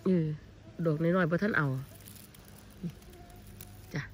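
A woman with an Isan accent, vlogging excitedly while foraging outdoors in a forest, full of exclamations. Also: on the low side, slow, a little hiss or hum. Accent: Isan (Northeast Thai). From Thailand. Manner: exclamatory, excitable, lots of cries of delight. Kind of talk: excited foraging vlog chat.

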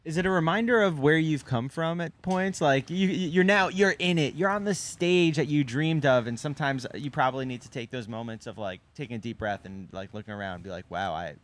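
A man's voice: on the high side, a little fast, hardly any pauses. A young man hosting, asking easygoing, jokey questions into a handheld mic on an outdoor patio. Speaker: podcast host. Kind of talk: casual interview.

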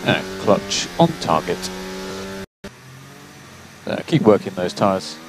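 A man working as a race engineer, giving clipped, calm, terse pit radio calls over a team radio link. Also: sits low, slow. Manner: clipped, calm, procedural instructions. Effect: team radio transmission. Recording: noisy radio link with vehicle hum.

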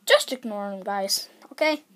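A woman's voice: medium pitch, lively intonation, moderate pace, very noisy. A woman joking and teasing in a silly, comedic amateur role-play.

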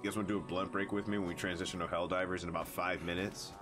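A man with a deep voice chats casually on a game live stream. Game music plays clearly behind him. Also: flat delivery, very fast. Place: indoor room at a gaming desk.

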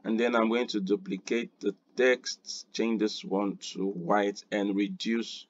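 A man hosting a screen-recorded design tutorial, unhurried and thinking aloud with quiet muttered asides. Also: on the low side, flat delivery, dry recording, muffled recording.

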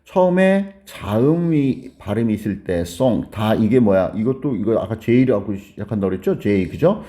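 A man's voice: expressive, a little slow, dark tone. A man teaching a basic grammar lesson, explaining step by step and often checking whether the class has followed. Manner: explains step by step, keeps asking "got it?"; acts out a student's question in a higher voice.

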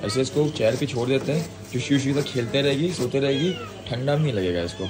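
A man's voice: mid-range voice, brisk. A young man chatting casually to his viewers while vlogging late at night, coaxing and talkative. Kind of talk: casual vlog chat. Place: late-night village stay, partly in dim indoor areas. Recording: noisy crowded background.

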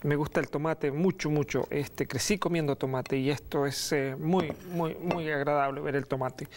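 A middle-aged man presenting a recipe on a studio kitchen set, relaxed and pausing often with fillers. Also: fairly high pitch. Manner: relaxed, hesitant with many fillers. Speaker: cooking show host. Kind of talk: cooking demonstration.

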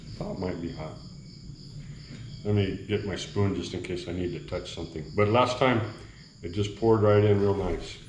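A middle-aged vlogger's low, slightly mellow voice moves at normal speed as he makes coffee and chats casually, rambling and easygoing. He's in a small, bare kitchen with cement walls, where the sound echoes, faint background noise lingers, and crickets chirp at night.

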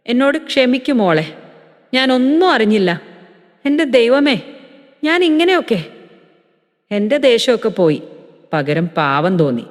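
A woman tells a first-person story in an intimate, emotional way, her voice sitting in a mid register. The sound carries a long reverb, as if she is recording in an echoey room. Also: medium pitch.

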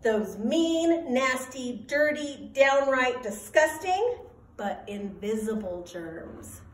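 A woman reading a children's storybook aloud as a teacher, in an expressive, emphatic, sing-song way. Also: high voice, slow pace. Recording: roomy echo, voice from a distance.

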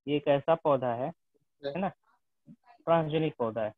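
A man's voice: fairly high pitch, unhurried, no room sound. Man teaching a class, thin phone-like sound. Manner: mixes English terms into Hindi, repeats tag questions. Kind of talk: classroom lecture.

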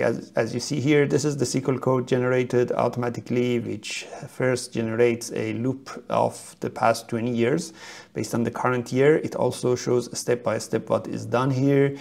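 A middle-aged man giving a methodical screen-share software tutorial from a small room, explaining step by step with frequent fillers. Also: mid-range voice, vocal fry. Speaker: software trainer.

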